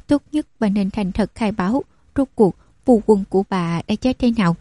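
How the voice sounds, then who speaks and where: A woman's voice: medium pitch, normal speed, dry recording, close to an everyday voice. A woman doing a cool, cutting young noblewoman. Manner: calm, cutting, commanding.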